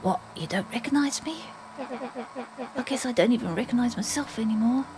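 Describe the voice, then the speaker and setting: A woman's voice: fairly high pitch, normal speed, background noise, close to an everyday voice. Figure: a bitter boy turned monster, voiced by an older woman. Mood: bitter hushed. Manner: resentful, mocking, hushed.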